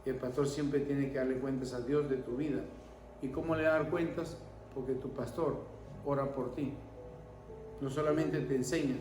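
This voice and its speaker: A man's voice: mid-range voice, fairly even intonation, normal speed, a little mellow, echoey room, far from the mic, soft background music, poor audio. A man preaching a sermon as pastor, telling stories and leading a prayer. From Venezuela. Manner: preaching with storytelling and a closing prayer.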